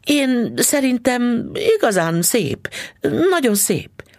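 A woman's voice: a little high, very animated, a little mellow, no room sound, studio quality, voice pushed up. A man voicing a fretful, scheming middle-aged wife who stammers when flustered. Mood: flustered sweet.

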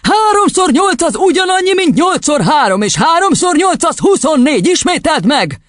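A huge, tyrannical headmistress, put on by a man reading an audiobook, roaring insults in a raised, loud voice that leaps wildly up and down. She threatens and bellows without pause, sounding dry and close. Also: very high voice, very animated, dry recording, pitched above the performer's own voice, full character voice. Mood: bellowing.

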